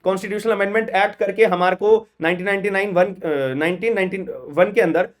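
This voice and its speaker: A man's voice: sits high, fairly even intonation, quick pace. A man teaching an online law exam lecture, emphatic and repetitive, often asking the viewers questions. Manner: emphatic, repeats "thik hai ji", quizzes viewers.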